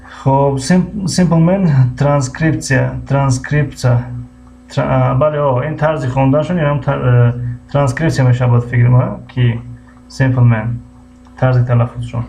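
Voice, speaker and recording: A man with a Tajik accent teaching English on a live stream, repeating each word slowly and greeting viewers by name. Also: medium pitch, fairly even intonation, vocal fry, mellow. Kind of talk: live-streamed language lesson. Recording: muffled lo-fi stream audio with faint hum.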